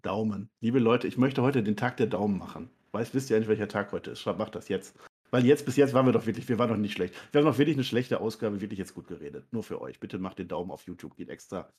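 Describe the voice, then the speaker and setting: A man co-hosting a casual wrestling recap, animated and jumping into high mocking voices when quoting people. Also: fast talker, husky. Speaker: podcast co-host.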